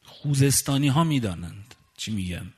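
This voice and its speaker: A man's voice: mid-range voice, lively intonation, a little mellow, slightly rough. A man from Khuzestan in Iran preaching a fiery, indignant sermon full of rhetorical questions. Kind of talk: impassioned sermon.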